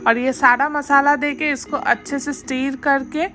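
Soft background music plays as a woman with a high voice, speaking at normal speed, voices over her home cooking channel. She gives steady, step-by-step directions and blends English words into her speech.

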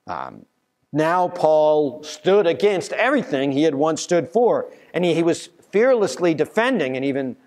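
A man's voice: on the high side, darkish tone. A young adult man preaching a sermon as pastor from a church pulpit, telling the story earnestly with restarts and fillers. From United States. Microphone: pulpit mic from a far camera. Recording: long church reverb.

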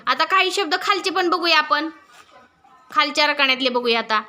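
A woman's voice: sits high, expressive, brisk, pushed and bright, a little hiss or hum. A middle-aged woman teaching a class, walking pupils through each point and stopping to put questions to them. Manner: asks pupils questions and waits for answers. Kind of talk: classroom lesson.

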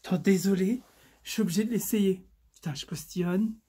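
A woman, chatting in a casual unboxing haul vlog; excitable, swearing often and stumbling over her words. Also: medium pitch, fairly quick, slightly rough. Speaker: vlogger.

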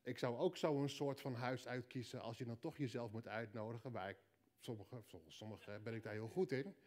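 A man with a Dutch accent preaching a sermon, telling a story with punchy repeated lines and quiet joking asides. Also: mid-range voice, normal speed. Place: church hall.

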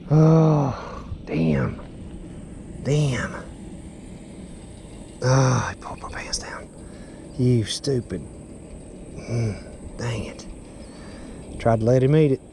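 A man's voice: mid-range voice, lively intonation, drawn-out words, gravelly, pauses often. A young man with a Kentucky accent, talking to himself and his viewers while fishing from a pond bank, recorded on a head-mounted camera. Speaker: fishing vlogger. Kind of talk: casual running commentary. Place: outdoors at a grassy pond bank. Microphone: head-mounted action camera. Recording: outdoor wind noise.

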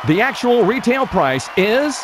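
A man playing an energetic TV game show host, with scripted, exclamatory and showy delivery. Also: extremely high pitch, a little slow, noisy background, full character voice. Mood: upbeat, showy. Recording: loud music and studio crowd behind.

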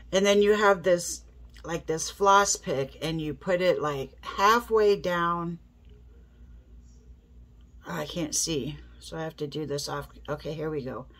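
A woman with a stuffed-up, congested voice, chatting casually through a makeup tutorial and talking as she works. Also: fairly low pitch. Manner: chatty, talks while working, slows down and trails off. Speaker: beauty vlogger.

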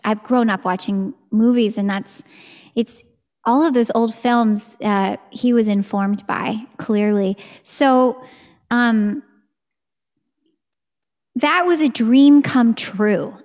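An American woman in her thirties, a singer, chats eagerly in a casual video-call interview. Her voice sits a little high and she talks with her hands, close to a studio mic in a room at home. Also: dull audio. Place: home room with curtain backdrop. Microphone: studio mic on a boom arm.

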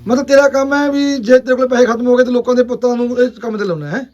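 A man playing an angry Punjabi villager, loud and blustering, repeating his commands urgently in a heated village skit. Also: very high voice, fast talker, dull audio. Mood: agitated. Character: angry, agitated Punjabi villager confronting young drug users.

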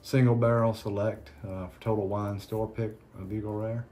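A man with a Southern accent, hosting a casual unboxing chat in an unhurried, halting way with many ums and restarts. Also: on the low side, flat delivery, warm tone, slight background noise. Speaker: cigar channel host.

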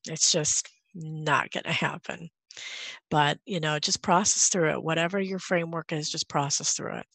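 A Guatemalan woman in her thirties, a podcaster, joins a casual video-call interview as a guest, speaking earnestly with many fillers through a headset from a room at home. Her voice sits low and is creaky and a bit bright, with a steady tone, a moderate pace and no echo.

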